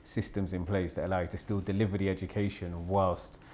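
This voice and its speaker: A man hosts a relaxed podcast conversation in a fairly low voice. He thinks out loud, sums up what his guest has said, and steers the talk toward the next question. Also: brisk, a little hiss or hum. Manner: relaxed, reflective, summarises guest's points. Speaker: podcast host. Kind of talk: casual podcast interview.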